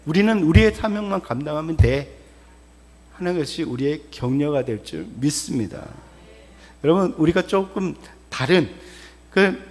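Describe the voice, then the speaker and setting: A man's voice: a little high, long reverb tail. A male pastor preaching a sermon, emphatic and repetitive, often asking the congregation rhetorical questions. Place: church sanctuary.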